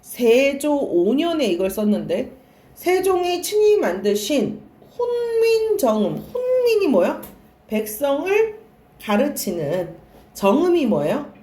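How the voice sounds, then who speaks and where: A Korean language teacher with a high, very animated voice and a dark tone lectures slowly to a class. She poses questions and answers them herself, repeating and drawing out key words.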